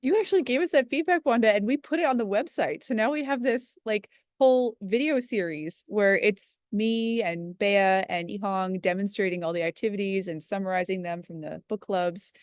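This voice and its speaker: A woman's voice: medium pitch, moderate pace, hardly any pauses, no room sound, clean studio sound. A woman leading an education program, explaining it in long, eager runs during a panel discussion over a video call.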